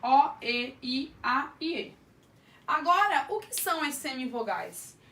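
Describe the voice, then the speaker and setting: Woman teacher, Brazilian accent, high voice, distant mic, echoey room. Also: very animated, takes it slowly, a bit bright. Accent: Brazilian Portuguese. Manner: explanatory, stretches words out to sound syllables. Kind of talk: online grammar lesson.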